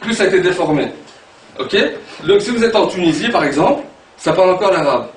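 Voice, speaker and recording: A man teaching an Arabic pronunciation class, animated and repeating sounds aloud to demonstrate them. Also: sits high, brisk. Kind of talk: classroom lesson. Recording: echoey room from far off, background noise.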